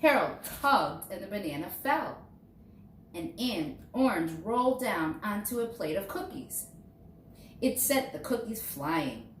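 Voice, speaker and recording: A woman sits a little back from the mic in a roomy, echoing space, reading a children's storybook aloud at a slightly slow pace. She takes her time over each line, her pitch swinging lively as she dramatizes key words for young listeners. Faint noise sits under the recording.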